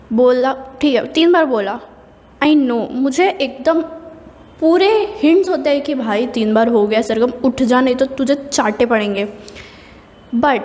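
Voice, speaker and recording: A young woman from India telling an animated, exasperated storytime at home by a window, switching between Hindi and English. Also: high-pitched, big-room sound. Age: young adult. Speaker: vlogger. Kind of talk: casual storytime monologue.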